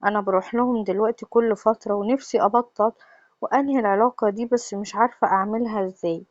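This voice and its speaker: A woman with an Egyptian accent telling a first-person confessional story in a steady, plain way. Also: medium pitch, fast, no echo, lo-fi sound. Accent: Egyptian Arabic.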